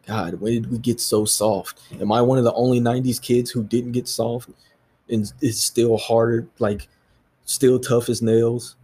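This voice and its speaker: A man in his thirties from the United States rants alone into his podcast mic. His voice is husky and sits at an everyday middle pitch. He is loose, profane and blunt throughout. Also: little pitch movement, measured pace, warm tone. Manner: profane, blunt, ranting with laughs. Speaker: podcast host. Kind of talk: solo podcast rant.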